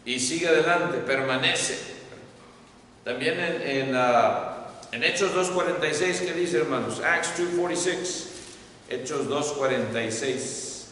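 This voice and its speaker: Bright-voiced man teaching a Bible class. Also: on the high side, measured pace. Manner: asks the class questions, repeats points in English. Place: church hall. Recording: echoey hall, far from mic, faint noise.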